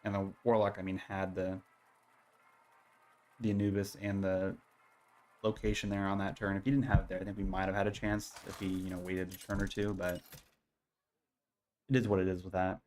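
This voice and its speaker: A man giving casual, low-key gameplay commentary, thinking aloud as he plays. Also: flat delivery, normal speed, long pauses, darkish tone, a little hiss or hum. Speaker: streamer playing a card game. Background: faint game music.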